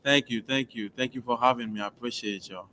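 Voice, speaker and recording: A man's voice: medium pitch, steady tone, fairly quick, pushed and bright. A young man from Benin with a Beninese accent, telling his story casually in an interview, in informal non-native English. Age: young adult. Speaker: basketball recruit being interviewed.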